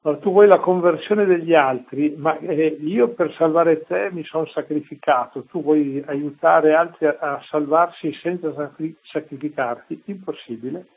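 A man's voice: a little high, normal speed, few pauses, slightly rough. A man gives an earnest radio sermon, exhorting his listeners with rhetorical questions. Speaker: preacher on religious radio. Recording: tinny phone-like radio line.

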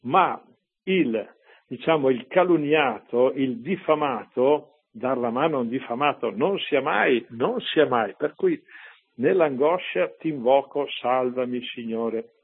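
A man's voice: medium pitch, expressive, measured pace, husky. A man who is a priest, preaching a homily in a conversational way and often turning to his listeners with rhetorical asides. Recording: tinny lo-fi radio broadcast.

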